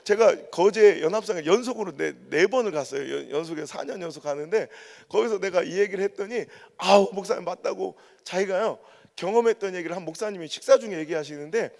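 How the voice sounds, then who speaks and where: A man's voice: high voice, gravelly, a little mellow. A man preaching a revival sermon as a pastor, telling humorous stories with mimicked dialect quotes. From Korea, raised in Chungcheong. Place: large church sanctuary. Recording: long church reverb.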